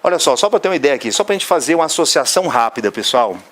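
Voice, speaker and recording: A man's voice: on the high side, very fast, a little hiss or hum. Chatty man teaching a grammar class. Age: adult, father of a young son. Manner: lively, asks students questions and answers them himself; jokey asides and playful anecdotes. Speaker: Portuguese teacher. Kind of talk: recorded online class lecture.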